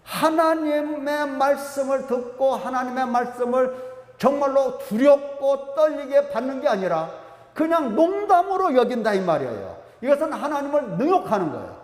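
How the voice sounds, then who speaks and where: A man's voice: extremely high pitch, big pitch swings, moderate pace, reverberant, big-room sound. A male pastor preaching a sermon with emphasis, often asking the congregation questions. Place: church sanctuary.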